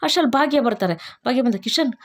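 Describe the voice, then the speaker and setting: A woman casually retelling a TV serial episode in a conversational way. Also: mid-range voice. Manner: rapid, conversational. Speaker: storyteller recapping a TV serial.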